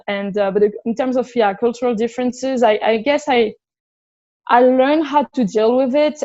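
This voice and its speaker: A woman's voice: mid-range voice, darkish tone, dull audio. A woman in her thirties from France, speaking English with a French accent as an interview guest, candid and thinking aloud with frequent restarts. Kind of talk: casual conversational interview.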